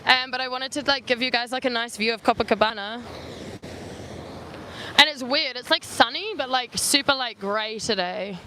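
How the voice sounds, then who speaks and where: Her voice is on the high side, bright and forceful, at a moderate pace: she's a New Zealand woman in her twenties and a travel vlogger livestreaming by phone from a beach promenade. Sweaty and squinting in the sun, she answers viewer questions chattily, with frequent "like" fillers, as faint street and traffic noise hums behind.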